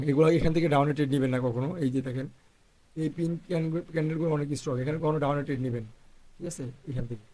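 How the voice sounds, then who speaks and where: Hoarse guy walking thru his trades live, quick talker, darkish mellow voice, keeps going "okay?". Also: on the high side. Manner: keeps asking "okay?" after each point. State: hoarse, feeling unwell. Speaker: trading instructor. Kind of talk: live trading walkthrough.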